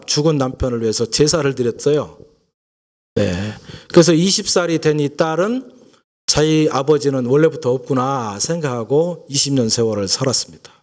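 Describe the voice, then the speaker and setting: Storytelling pastor preaching a lively sermon. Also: male voice, medium pitch. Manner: lively storytelling with rhetorical questions to the congregation. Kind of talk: Sunday sermon.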